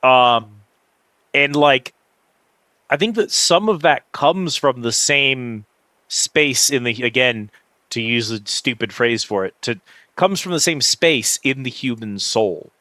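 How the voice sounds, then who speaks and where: A man's voice: mid-range voice, expressive, slow, pushed and bright, no room sound. A man hosting a livestream, chatting casually over a game in a rambling, reflective way and often searching for words. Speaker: livestream host. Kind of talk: casual livestream chat while gaming.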